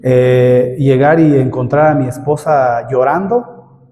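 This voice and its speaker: A man's voice: mid-range voice, steady tone, slow pace, mellow. A middle-aged man preaching a sermon, calling listeners "brother" and asking many rhetorical questions. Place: church hall. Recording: long hall reverb.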